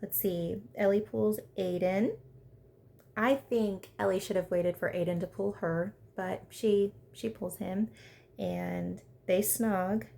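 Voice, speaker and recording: Woman, reality TV reviewer, casual recap, opinionated, chatty, filler-heavy, mid pitch, creaky fry. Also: steady tone, slow pace, warm tone. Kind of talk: casual episode recap commentary.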